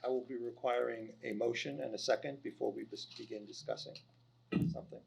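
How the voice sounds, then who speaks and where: A man presiding over a city council, his voice gravelly and a little husky. He speaks in firm, formal terms, setting out how the body will run. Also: medium pitch, steady tone, a little fast, darkish tone. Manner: firm and formal, asserts procedural control. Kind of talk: formal meeting procedure.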